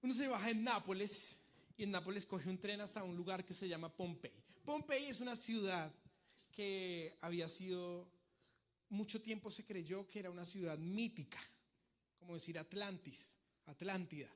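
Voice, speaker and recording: A young man preaching a sermon to a congregation, telling stories in a lively way and acting out the shouts and pleas he describes. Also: sits high, normal speed.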